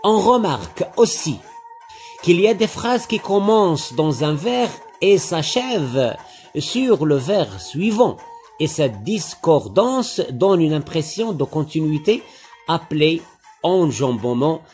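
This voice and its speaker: A man lectures on poetry in a slow, deliberate way, spelling out syllables one by one. His somewhat high voice rises and falls a great deal. Soft music plays faintly behind him. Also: big pitch swings. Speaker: literature teacher. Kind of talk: lecture-style poem analysis.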